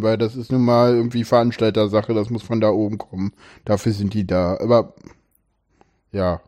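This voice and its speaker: A man's voice: mid-range voice, a little mellow. A man hosting a casual group podcast chat, telling stories with many restarts and fillers. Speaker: podcast host.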